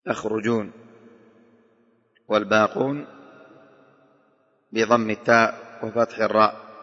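A male teacher giving a Quran commentary lesson. He dictates to his students, repeats key points and recites verses slowly between his explanations. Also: lowish voice, little pitch movement, pushed and bright. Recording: dull echoing hall recording.

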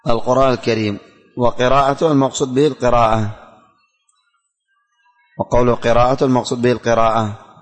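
A man teaching a religious lesson in a classroom, speaking slowly and deliberately, repeating lines for students to write down and quizzing them. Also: mid-range voice, little pitch movement. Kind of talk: classroom lesson dictating and explaining verses. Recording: long hall reverb, faint music.

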